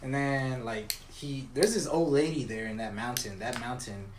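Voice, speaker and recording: Dude rambling on and cussing a lot, echoey room, noisy background. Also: male voice, medium pitch, moderate pace. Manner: rambling, swearing, casual slang. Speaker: podcast co-host. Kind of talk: casual chat.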